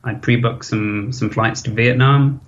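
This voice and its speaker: A man in his thirties with a British accent, talking casually as an interview guest, often pausing with ums and restarting sentences. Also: medium pitch, fairly even intonation, lo-fi sound. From Hong Kong. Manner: hesitant, many ums and restarts. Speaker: interview guest, forum member.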